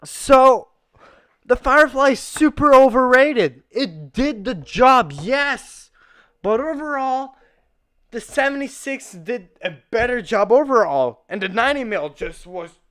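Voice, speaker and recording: A drunk livestream host rambling and swearing through casual commentary, getting drunker and prone to excitable shouting. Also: medium pitch, takes it slowly.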